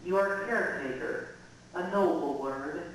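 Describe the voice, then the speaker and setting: A man reciting the part of a kindly, solemn ghostly chief who gives measured counsel in rhyming poetry. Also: fairly high pitch. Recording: echoey room from far off, faint noise.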